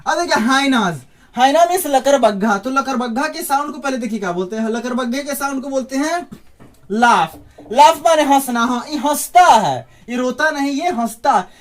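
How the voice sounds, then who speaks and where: A man's voice: very high-pitched, lively intonation, normal speed. A man giving an informal spoken lesson, chatty, with joking asides and questions put to the listener. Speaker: teacher.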